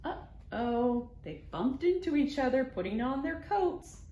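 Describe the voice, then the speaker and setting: Leading storytime for small children at a library, this high-pitched woman reads in an animated, expressive way, using slow, simple phrases. The recording is muffled, echoing around the room amid some background noise.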